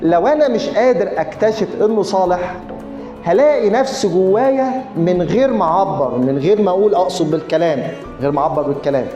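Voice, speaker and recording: A man with an Egyptian Arabic accent, a pastor giving a sermon in an animated storytelling way. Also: high-pitched, fast, reverberant, muffled recording, soft background music. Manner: animated storytelling, acting out his own and others' words.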